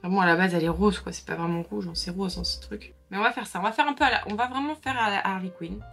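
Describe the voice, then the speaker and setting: A woman's voice: mid-range voice, fast, vocal fry, fairly bright tone. A young woman chatting casually to her viewers while doing her makeup, full of fillers and asides. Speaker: makeup vlogger. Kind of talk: casual makeup tutorial chat. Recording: faint background music.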